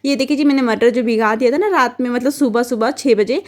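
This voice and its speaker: A young adult woman talks through her day in a relaxed, homely voice-over, as a mother showing her routine. Her voice sits a little high, and she rambles with fillers and restarts along the way. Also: a little fast. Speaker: vlogger and mother. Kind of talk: casual voice-over narration of a daily routine.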